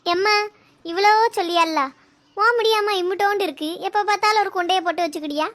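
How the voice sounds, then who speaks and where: A cheeky teenage daughter, as a woman puts her on, bickers in a very high, bright voice. She answers back constantly and teases without pause.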